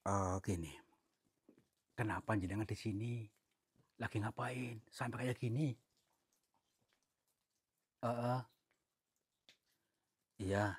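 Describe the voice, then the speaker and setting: A man exploring a cave, talking in a coaxing, soothing, often hushed way. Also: lowish voice, steady tone, slow, pauses often, slightly rough, dry recording. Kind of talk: staged exploration vlog. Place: inside a cave.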